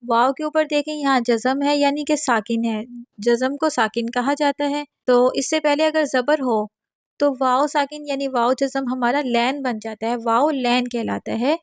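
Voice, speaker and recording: High-voiced woman teaching patiently. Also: fairly even intonation, no echo, studio quality. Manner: patient, spells out letters slowly and repeats each drill twice. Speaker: Quran reading teacher. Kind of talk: step-by-step recitation lesson.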